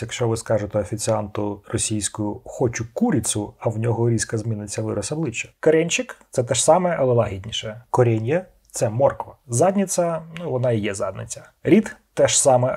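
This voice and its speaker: A man's voice: mid-range voice, warm tone, husky. A man narrating a scripted vocabulary lesson, reading each word and then its meaning in short paired phrases. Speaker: language channel host.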